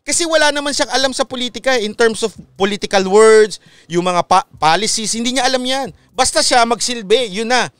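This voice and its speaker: A man's voice: high-pitched, clear, resonant tone, dry recording. A man hosting a casual live-stream commentary, repeating his points and checking in with listeners. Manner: animated, repeats points, asks listeners "okay?". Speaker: online commentary host.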